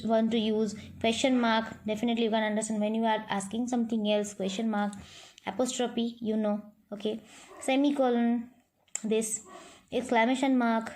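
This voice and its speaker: Indian English teacher, fairly high voice. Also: female voice, darkish tone. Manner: patient, repeats points, frequent "you know" and "right?". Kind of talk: online grammar lesson.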